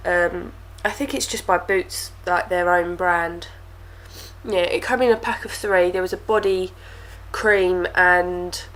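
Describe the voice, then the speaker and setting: Here a beauty vlogger with a cold gives a casual product review to camera, chatty and full of fillers and repeated words, her nose clearly stuffy. She speaks at a medium pitch with slight background noise.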